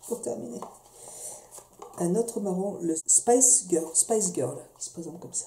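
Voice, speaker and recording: Her voice is on the low side and mellow as she chats her way through beauty product reviews at home. This vlogger hesitates a lot, using many fillers and restarting sentences, in an echoey room with a little background noise.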